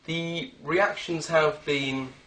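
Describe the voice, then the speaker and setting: Hesitant, deadpan young male doctor played by an actor for spoof interview, slightly high voice, off mic. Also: very slow. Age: young adult. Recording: echoey, distant mic, noisy.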